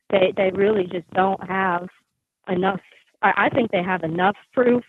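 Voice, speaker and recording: A woman's voice: mid-range voice, husky. A woman calling in to a live stream, talking casually and hesitantly with many ums and restarts, heard over muffled call-in phone audio that breaks up. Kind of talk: casual chat. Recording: tinny, muffled phone line.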